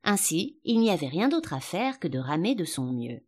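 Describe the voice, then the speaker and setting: A woman narrating a storybook in a measured, expressive reading. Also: fairly low pitch, husky. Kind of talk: scripted audiobook narration.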